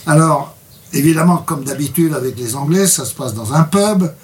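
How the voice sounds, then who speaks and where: Man, fairly high voice, hesitant translator, mic a little far off. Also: normal speed, a little hiss or hum. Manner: hesitant, repeats words. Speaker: translator presenting a book. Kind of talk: casual interview chat with read excerpt.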